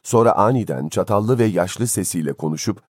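A man reading a story aloud as an audiobook narrator, in a measured, expressive way. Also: on the low side, slightly rough, no room sound, studio quality. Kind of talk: scripted narration.

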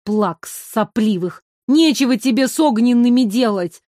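A woman voicing a fiery, hot-tempered young woman student who shouts sharply. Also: on the high side, animated, moderate pace, no echo, studio quality, lightly acted. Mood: angry.

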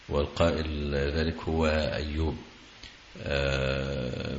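A man giving a religious lesson, reading a commentary aloud and explaining it in a slow, measured way with long drawn-out pauses. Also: very deep voice, a little hiss or hum. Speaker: Islamic scholar teaching hadith commentary. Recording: echoey, dull lecture recording.

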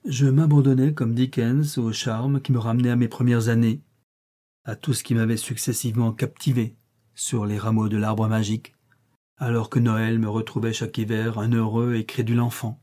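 A man narrating a classic short story in the first person, reading in a measured, literary manner. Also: medium pitch, level tone, mellow. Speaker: audiobook reader.

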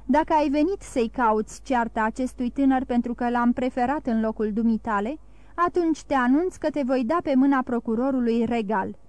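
A woman's voice: a little high, darkish tone, no echo, close to an everyday voice. A woman reading the part of a middle-aged banker who protests and defends himself, blustering out of fear. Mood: threatening.

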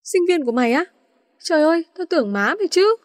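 A quarrelsome young man trades insults in a storybook tale, put on by a woman narrator. The voice sits high and sounds dry and close. His manner is mocking and brash. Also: brisk, dry recording, close to an everyday voice. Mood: teasing.

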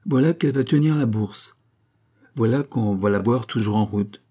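A man's voice: mid-range voice, moderate pace, dark tone, close to an everyday voice. A man voicing an older farm wife and mother, speaking in an emphatic, declaiming way in an audiobook. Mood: resigned.

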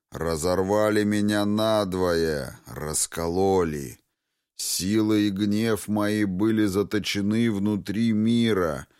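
A man voicing an ancient, wrathful ghost dragon in an audiobook, speaking slowly and solemnly. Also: deep voice, clean tone, no room sound, studio quality. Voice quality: slow, heavy, solemn delivery.

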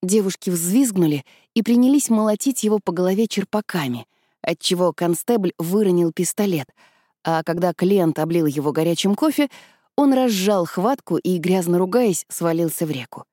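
A woman reading an adventure novel aloud as a steady storyteller. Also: lowish voice, normal speed, no echo, studio quality. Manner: steady storytelling, shifting voices for characters. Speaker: audiobook narrator. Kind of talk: scripted narration.

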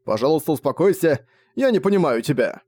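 A flustered young male student mage, voiced by a man, confused and trying to calm things down. His voice stays mid-pitched and natural. The sound is dry, with no room around it. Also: fast talker, dry recording, close to an everyday voice. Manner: bewildered, then pleading.

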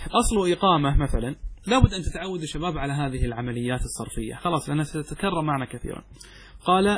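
A man teaching Arabic grammar as a sheikh in a classroom lecture, explaining step by step, asking students questions and answering them himself, and reading quoted lines slowly. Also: a little high, slightly rough. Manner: reads quotations from the text slowly and deliberately.

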